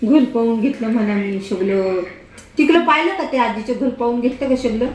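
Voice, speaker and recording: An older woman, a grandmother, teases her grandson in playful, laughing baby talk during a casual family chat indoors at home. Her voice is a little high with a darkish tone, and she speaks at a moderate pace. The room is echoey with faint noise.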